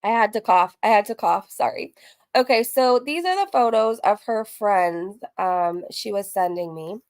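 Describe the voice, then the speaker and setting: A woman hosts a reaction stream, chatting casually to her live viewers in a teasing, mocking way. Her mid-range voice is animated and moves at normal speed, and the recording is dry.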